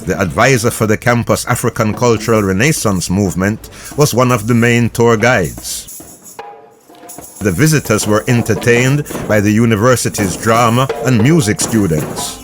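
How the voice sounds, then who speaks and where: A man giving scripted documentary narration in a measured, formal way. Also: on the low side.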